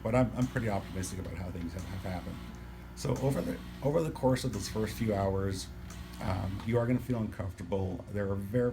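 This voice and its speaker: A man talking casually to camera in a halting, explanatory way, sounding weak and dry-mouthed as he recovers from surgery. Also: low-pitched, gravelly, dark tone. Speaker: patient recording a personal video diary. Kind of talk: casual spoken vlog, explanatory. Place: hospital room. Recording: noticeable background room noise.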